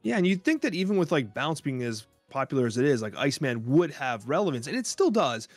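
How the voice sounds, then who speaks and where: A man co-hosting a casual gaming podcast, venting in an expressive, exaggerated way. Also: mid-range voice, quick pace, dry recording, faint music behind. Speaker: podcast co-host.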